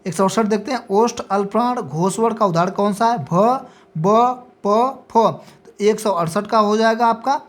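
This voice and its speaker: A woman's voice: medium pitch, measured pace. A woman teacher reading multiple-choice exam questions and their options aloud, then confirming each answer with a brief check. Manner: repeats a checking "ठीक है" after each answer. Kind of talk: exam practice lecture.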